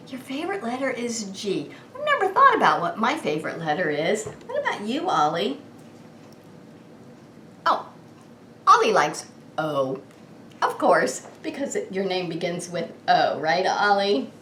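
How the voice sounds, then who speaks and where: A woman's voice: medium pitch, fairly bright tone. A woman hosting a children's birthday greeting with exaggerated, sing-song party enthusiasm, asking questions and answering as if the child had replied. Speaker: children's show host. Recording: echoey room with faint background noise.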